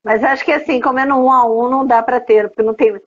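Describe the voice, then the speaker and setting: A woman's voice: a little high, steady tone, quick pace. A woman hosting an online chat, talking casually and reading out viewers' comments. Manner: chatty, reads viewer comments. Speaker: host. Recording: dull lo-fi sound.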